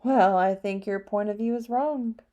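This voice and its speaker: A woman's voice: medium pitch, moderate pace, dark tone, highs cut off, lightly acted. A woman reading a defiant, foul-mouthed young vampire woman in an audiobook, speaking sarcastically.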